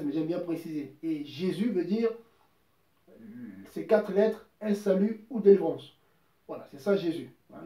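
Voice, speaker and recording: A man's voice: a little high, dark tone, far from the mic. A man preaching an informal sermon, emphatic and repetitive, quoting scripture at length. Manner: emphatic, repeats words, quotes scripture at length. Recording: roomy echo, voice from off mic.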